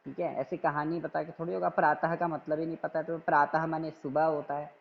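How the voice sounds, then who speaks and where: A man teaching an online class, calmly but firmly correcting his students' reading and repeating himself until they get it right. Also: fairly high pitch, brisk, vocal fry, muffled recording. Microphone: video call.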